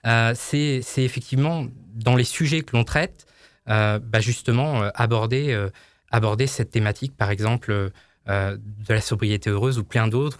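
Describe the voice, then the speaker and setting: A man on a talk show who speaks haltingly, stacking up fillers and restarting his sentences. His voice sounds close and dry, with a middle pitch. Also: smooth, no echo. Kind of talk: casual talk show chat.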